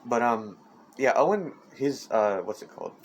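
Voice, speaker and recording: A man's voice: medium pitch, animated, noisy background. Rambling teen guy, clicky mic. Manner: rambling, halting, full of fillers and restarts. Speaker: podcast host. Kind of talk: casual chat. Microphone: amateur desk mic. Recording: clicks and table knocks near mic.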